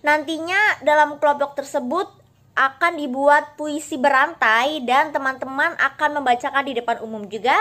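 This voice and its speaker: High-voiced woman teaching a lesson. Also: fairly bright tone. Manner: explains step by step, asks the class questions. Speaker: student teacher presenting a lesson. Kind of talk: recorded classroom lesson.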